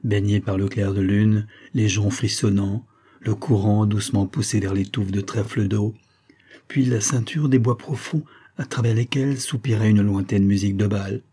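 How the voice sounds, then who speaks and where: Low, husky male storyteller. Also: mellow. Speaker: audiobook reader. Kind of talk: reading a novel aloud.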